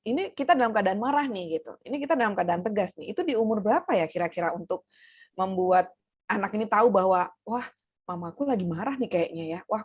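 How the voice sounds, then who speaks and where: Woman host asking the expert stuff, husky voice, dry close sound, a bit hesitant. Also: mid-range voice, no echo. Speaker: workshop moderator. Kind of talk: asking questions in online talk.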